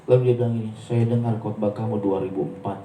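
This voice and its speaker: A man preaching a sermon, telling stories with lively acted-out quotes. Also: lowish voice, quick pace, reverberant, recorded from a distance, faint music behind, low-quality recording. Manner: animated storytelling, acts out quotes. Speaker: pastor. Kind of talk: sermon with storytelling. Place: church.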